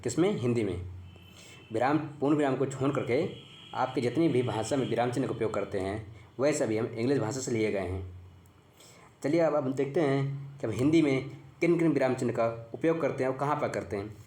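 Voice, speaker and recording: A man teaching grammar for exam preparation in an echoey room. He quizzes the viewer by repeating his own points as questions. His voice sits at a middling pitch, and his delivery is halting and full of restarts. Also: a little mellow, slight background noise. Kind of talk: exam-prep grammar lesson.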